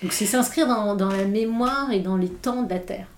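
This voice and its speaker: As a guest in an interview, a philosopher, an English-speaking woman by first language, reflects at normal speed in a mid-range voice, hesitating and restarting often. Slight background noise and a roomy echo are present.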